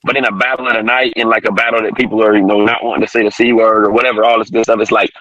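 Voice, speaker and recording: A man being interviewed over an online call that sounds fuzzy and distorted, talking quickly with many fillers. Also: on the low side, level tone, fairly bright tone, no room sound. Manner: rapid, full of "you know" fillers. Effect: fuzzy distorted connection. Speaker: battle rapper guest. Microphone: online call from a phone on mobile data. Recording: dull lo-fi distorted call audio.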